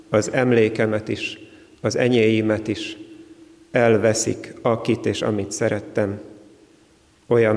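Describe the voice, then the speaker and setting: A man delivers a sermon in a slow, reflective, carefully measured way, leaving long pauses between his short phrases. His voice sits low with a gravelly edge and stays fairly level in pitch. The sound carries a long reverb from a large hall. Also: darkish tone. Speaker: preacher.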